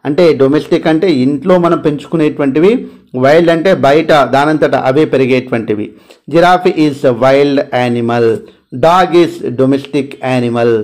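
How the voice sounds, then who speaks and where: A man's voice: fairly high pitch, darkish tone. Telugu-accented man teaching English grammar. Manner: repeats words for stress, switches between Telugu and slow English. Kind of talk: exam-prep grammar lesson.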